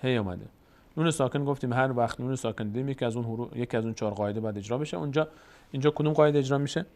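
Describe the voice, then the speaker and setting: A man with a Tajik-influenced Persian accent teaching Quran recitation, explaining the rules quickly and then drawing out the example words slowly. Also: medium pitch, a little mellow. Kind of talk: tajweed lesson with slow recited examples.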